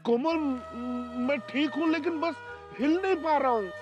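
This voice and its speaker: A man's voice: extremely high pitch, measured pace, muffled recording. A man in a sitcom playing a flustered doctor pinned under a fallen tree, pleading for help. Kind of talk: sitcom acting. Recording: music behind the voice.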